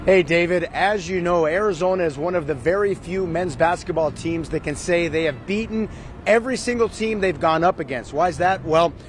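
A man in his fifties delivering an upbeat live sports report outdoors into a handheld mic. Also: high-pitched. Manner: brisk, upbeat broadcast delivery. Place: outdoors in a city plaza. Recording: faint outdoor city noise.

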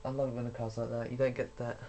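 A man's voice: mid-range voice, little pitch movement, rapid-fire, warm tone, a little hiss or hum. A young man giving rambling, casual commentary while playing a video game, swearing when things go wrong. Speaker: gaming YouTuber.

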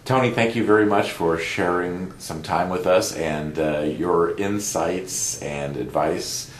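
A man hosting an interview, speaking in a measured, encouraging way with frequent backchannel replies. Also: low-pitched, roomy sound, slight background noise. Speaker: interview host. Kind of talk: interview questions.

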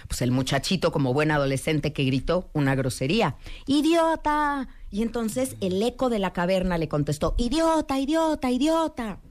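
A middle-aged woman with a Mexican accent, speaking as a guest expert on a radio talk show, animated and storytelling, addressing listeners directly. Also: sits low, brisk, hardly any pauses. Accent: Mexican Spanish.

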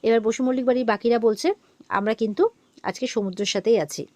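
A woman's voice: a little high, steady tone, fast talker, a little mellow, no room sound. A woman casually retelling a TV serial episode, quoting the characters' lines and filling in with "mane" and "iye". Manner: retells scenes quoting characters, frequent fillers. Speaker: serial recap narrator. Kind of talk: casual storytelling recap.

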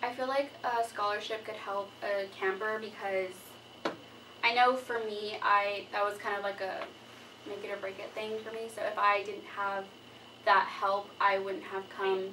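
A young woman from San Benito, Texas, a student giving sincere, soft-spoken interview answers indoors. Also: mid-range voice, moderate pace. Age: young adult. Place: indoor room by a window. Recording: distant mic with steady hum.

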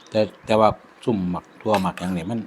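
Over a meal, a man with an Isan accent talks reflectively for his vlog, using plenty of polite particles. He speaks fast in a fairly low, steady, slightly mellow voice, with a little background noise.

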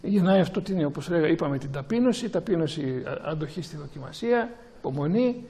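A male priest giving a sermon to a gathering and taking questions, speaking slowly and haltingly with many restarts and repeated words. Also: fairly high pitch, animated, warm tone.

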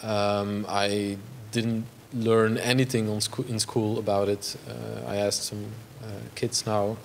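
With a lapel mic clipped on, a Belgian man in his forties presents an artist talk in a gallery room, speaking with a Flemish accent as a native Dutch speaker. His voice is on the low side, level and creaky, and he falters with many fillers and restarts over slight background noise.

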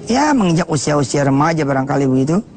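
An Indonesian male preacher giving a televised sermon, moving between slow drawn-out Arabic recitation and lively talk that acts out family dialogues. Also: a little high, a little hiss or hum.

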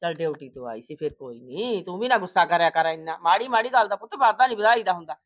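A woman playing a middle-aged mother who keeps calming her children down, in a family drama. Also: lowish voice, quick pace, close to an everyday voice. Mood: placating. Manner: soothing, calming others down. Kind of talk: village family drama acting. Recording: dull lo-fi sound.

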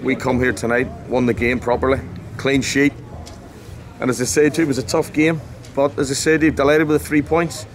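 In a post-match interview outdoors at a ground at night, a football manager in his forties talks fairly quickly in a medium-pitched, level voice. He's emphatic and repetitive, blunt and full of passion. A handheld mic is held close, and faint outdoor noise is audible.

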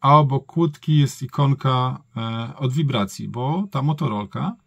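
A man with a low-pitched-to-middling, creaky voice walks through a gadget in an informal review. He thinks aloud and corrects himself as he goes. The sound is close and dry, with a husky edge. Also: unhurried, dry recording, dull audio. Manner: thinks aloud, colloquial, often self-correcting. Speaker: product reviewer. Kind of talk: casual hands-on gadget review, improvised.

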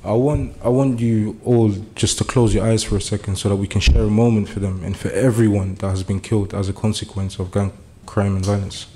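Speaking fairly quickly with few pauses, a young German community speaker gives an earnest public address in a meeting room. His low, dark-toned voice keeps a steady tone as he moves from hesitant, filler-laden openings to urgent appeals.

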